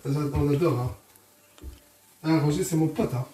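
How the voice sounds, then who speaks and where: In a roomy kitchen, a little away from the mic, a man with a Moroccan accent hosts a cooking vlog. His voice is high for a man, and he talks in a chatty, jokey way, addressing viewers as his friends. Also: fairly even intonation, unhurried, warm tone. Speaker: host, home cook presenting a recipe. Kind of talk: casual cooking vlog chat. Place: indoors in a home kitchen. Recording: roomy, distant mic, faint noise.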